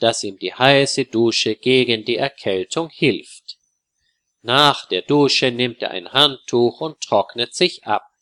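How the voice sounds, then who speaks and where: A man with a mid-range voice narrates a story for learners. His reading is slow, calm and clearly articulated.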